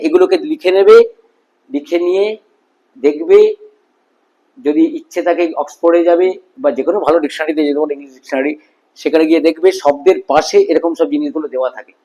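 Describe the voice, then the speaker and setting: Teacher: middle-aged man, Bengali accent, higher voice, drills words one by one. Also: darkish tone, rough recording. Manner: repeats words slowly, drilling pronunciation. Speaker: English pronunciation teacher. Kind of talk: classroom-style spoken lesson.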